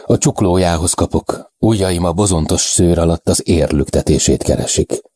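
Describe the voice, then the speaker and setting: Deep, dark-voiced man for a first-person audiobook, measured and even, dry close sound. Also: dry recording. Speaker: audiobook narrator.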